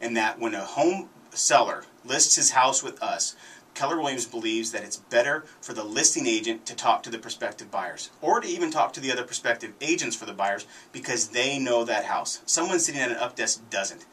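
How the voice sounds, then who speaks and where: Off the cuff and folksy, an American real estate agent hosting an indoor radio show shares opinionated, plain-spoken anecdotes and pitches his trade like a salesman. His medium-pitched voice is animated, fairly quick and fairly bright, with a breathy edge, on a noisy, distant-sounding recording.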